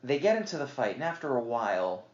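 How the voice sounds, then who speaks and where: A man's voice: medium pitch, big pitch swings, fast talker. A slightly tipsy man, a podcast guest, chatting casually about his game with lots of fillers and laughs. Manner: rambling, filler-heavy, laughs often. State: a little tipsy. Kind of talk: casual chat. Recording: roomy, dull lo-fi podcast audio.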